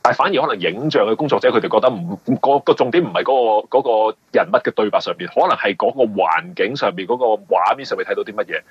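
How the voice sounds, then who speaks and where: Talking fast with hardly any pauses, this man has a lowish, expressive, slightly rough voice and no echo. A Hong Kong-accented mystery novelist appearing as an interview guest, he answers casually, going on at length and often rewording himself, in dull lo-fi radio audio.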